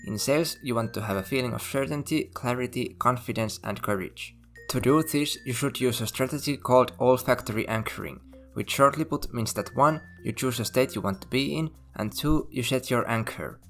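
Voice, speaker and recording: A man who hosts the channel, giving a scripted narration and walking through numbered points at a steady explanatory pace. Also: mid-range voice. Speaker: channel host. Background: faint background music.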